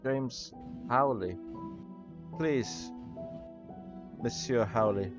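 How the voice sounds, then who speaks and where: Man voicing a raspy, very old ghoul. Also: medium pitch, drawn-out words. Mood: halting, pleading. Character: old ragged ghoul, pleading, weary of existence. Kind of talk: tabletop game character acting. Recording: dull recording with background music.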